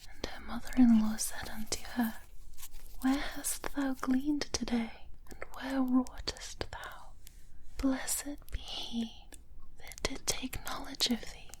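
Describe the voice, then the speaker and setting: Female ASMR scripture reader: hushed breathy whisper doubled in layers, measured and slow. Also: high-pitched, poor audio. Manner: slow, hushed, even delivery. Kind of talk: soft ASMR scripture reading.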